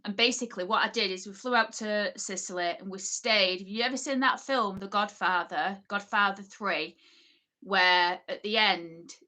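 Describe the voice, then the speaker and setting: Reading comments on her casual livestream, a bright-voiced woman from Oldham, England, talks at a medium pitch. The chat is rambling, peppered with ums and little asides in her northern English accent.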